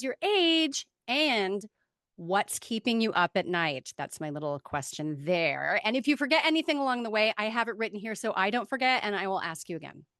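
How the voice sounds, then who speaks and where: A woman's voice: medium pitch, fairly bright tone, no echo, clean studio sound. Vocally tired woman hosting a chat. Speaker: podcast host. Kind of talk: casual interview chat.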